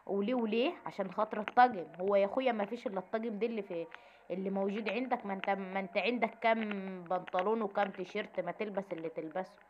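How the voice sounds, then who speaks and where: A woman with an Egyptian accent, casually telling her viewers a story and often addressing them fondly while asking who is right. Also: mid-range voice. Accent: Egyptian Arabic. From Egypt, Sharqia. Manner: chatty, keeps calling viewers "my dears", asks them who is wrong. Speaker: vlogger. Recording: slightly dull audio with faint background noise.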